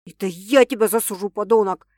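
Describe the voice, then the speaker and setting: A woman's voice: medium pitch, moderate pace, no room sound, studio quality, close to an everyday voice. A woman voicing a hot-tempered young man, an ex-husband, in an audiobook. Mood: furious. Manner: fierce, shouting.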